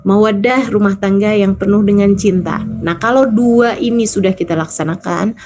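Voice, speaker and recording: A woman's voice: medium pitch, fairly even intonation, normal speed, a little mellow, a little hiss or hum. A woman preacher giving a casual religious talk, telling stories in a chatty, colloquial way and acting out the voices she quotes. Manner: colloquial, addresses listeners directly. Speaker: Islamic preacher.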